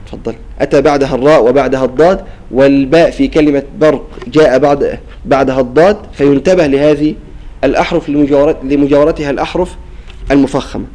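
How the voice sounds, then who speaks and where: A man's voice: medium pitch, steady tone, fast talker, warm tone, rough recording. A man teaching a class on Quran recitation rules, explaining and demonstrating pronunciations and often checking with the students. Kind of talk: classroom lesson on tajweed.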